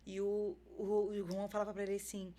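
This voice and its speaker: A woman's voice: mid-range voice, little pitch movement, fairly quick, dark tone. A woman with a Brazilian Portuguese accent, a podcast guest telling an emotional faith testimony with fervent feeling.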